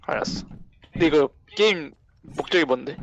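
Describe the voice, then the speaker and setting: A man's voice: fairly high pitch, normal speed. A young man in jokey, jumpy casual chat while playing a horror game. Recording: dull lo-fi mic with faint noise.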